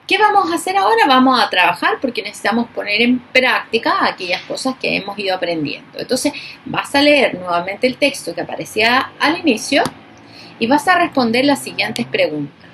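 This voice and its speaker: Woman, teacher, recorded class, slow emphatic delivery, stressed example words, a bit high-pitched. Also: sing-song, fairly bright tone, slight background noise.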